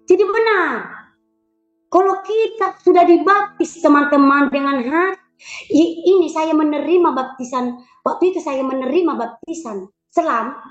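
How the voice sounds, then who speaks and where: High-voiced woman testifying. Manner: emotional, repeats phrases, calls out prayers aloud. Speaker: former shaman giving a church testimony. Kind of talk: personal faith testimony. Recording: roomy, dull lo-fi sound with faint music.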